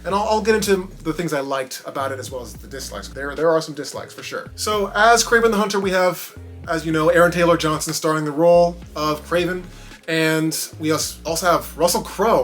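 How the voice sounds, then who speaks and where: Animated rambling man reviewing a film. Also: fairly high pitch. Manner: rambling, frequent restarts, animated swings in loudness. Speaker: movie reviewer. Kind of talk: casual spoken film review.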